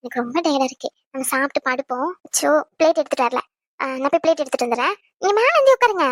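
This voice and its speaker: A woman's voice: high voice, animated, very fast, no room sound, clean studio sound. A young woman playing a caring pregnant wife in an audio drama, chatty, fussing and tender. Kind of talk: Tamil audio drama acting.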